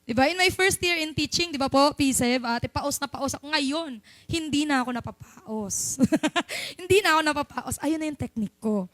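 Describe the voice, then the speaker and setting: High-voiced Filipino woman preaching. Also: normal speed, a bit bright, no room sound. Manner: chatty, playful, mixes English into Filipino. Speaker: church speaker. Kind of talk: sermon.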